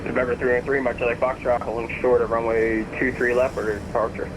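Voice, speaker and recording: A pilot's voice comes over the radio, a man reading back his clearances in clipped phrases. He pauses briefly now and then, sounding a little distant. A steady hum sits under his words. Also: medium pitch. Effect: pilot heard over the radio. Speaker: pilot talking to the tower. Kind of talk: radio calls in a flight sim.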